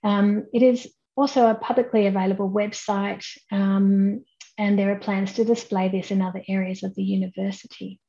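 Woman, thirties, steady explanatory presenter, relaxed voice, lo-fi webcam capture. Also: medium pitch, vocal fry. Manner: measured, explanatory, with frequent "um"s. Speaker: keynote speaker. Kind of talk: online conference presentation. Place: indoors at home, plain wall behind. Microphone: webcam at desk, head and shoulders framing.

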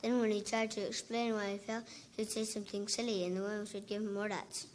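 A woman reading a storybook aloud on stage at a school program, plain and steady. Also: mid-range voice, brisk, slight background noise. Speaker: student narrator.

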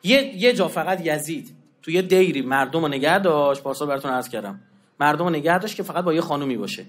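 This high-voiced man lectures on religious history in a loose, conversational style. His storytelling is lively, with dialogue acted out in character, plus street slang and offhand remarks.

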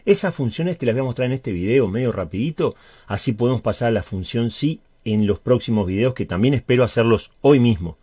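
A man with a Uruguayan Spanish accent, a high school teacher giving a chatty spreadsheet tutorial, explaining step by step and checking in with the viewer often. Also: animated, a little fast, warm tone, slightly rough, no room sound.

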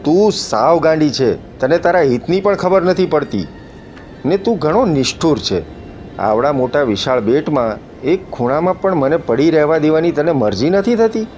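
A man voicing a devoted young woman slave who speaks in a soft, imploring, devout way, in an audiobook reading. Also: on the high side. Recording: muffled audiobook recording with faint music.

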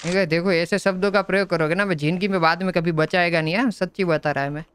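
A man's voice: high-pitched, steady tone, fast talker, a bit bright, clean tone, no room sound. A man with an Indian accent, a gaming host chatting and teasing his teammate. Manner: joking, teasing banter. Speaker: gamer host. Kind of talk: casual gaming chat. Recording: noisy game audio behind.

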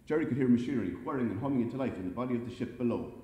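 A man reading a humorous story aloud to a live audience in a wry, lively way, recorded in an echoey library hall. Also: medium pitch, rapid-fire. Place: library event space.

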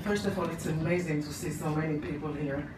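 A middle-aged woman with an Israeli accent, telling a personal story on stage with lively gestures. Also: low voice, fairly quick, a loud crowd. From Poland. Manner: animated, gesturing, with audience laughter. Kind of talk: live storytelling. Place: small dark room, on stage. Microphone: handheld mic on stand, far camera. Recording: roomy, from far off, noisy.

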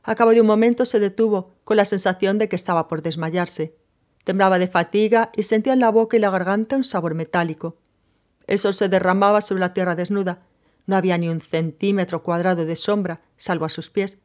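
A woman narrating a novel in a measured, steady reading voice. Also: medium pitch. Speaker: audiobook narrator.

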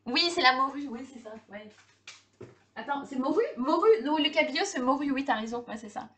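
A woman's voice: sits high, animated, fairly quick, a bit bright. A woman in her thirties hosting a live cooking stream, chatting casually with viewers, laughing often and full of fillers and restarts. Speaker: livestream host cooking.

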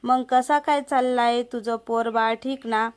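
A woman's voice: a little high, fairly even intonation, unhurried, clean tone, close to an everyday voice. A woman voicing a lecherous, threatening male village moneylender in a story. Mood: sly. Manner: threatening, coaxing. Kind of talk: storybook narration.

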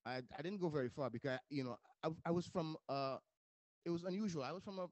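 A man's voice: a little high, fast, no room sound. A man from Trinidad, a music producer, talking casually as an interview guest over a video call and rambling with restarts.

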